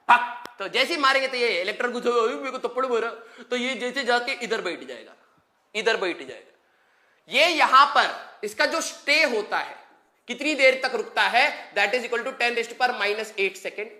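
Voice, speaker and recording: Guy teaching physics online, kinda bright voice, jokey and chatty. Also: extremely high pitch. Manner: playful, joking, mixes English terms into speech. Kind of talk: live online lecture.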